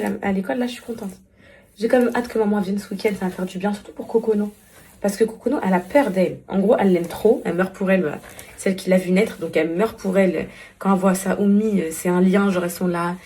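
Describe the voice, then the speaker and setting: A woman's voice: medium pitch, warm tone. Tired rambling young woman vlogger. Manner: tired, rambling, many fillers and restarts. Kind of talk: casual vlog chat to followers.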